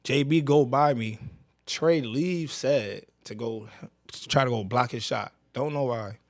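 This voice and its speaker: A young man from Connecticut hosting a casual podcast, telling animated stories with heavy slang and frequent laughter. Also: medium pitch, unhurried, dry recording, studio quality. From Bridgeport, Connecticut, USA. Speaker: podcast host. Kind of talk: casual conversational interview.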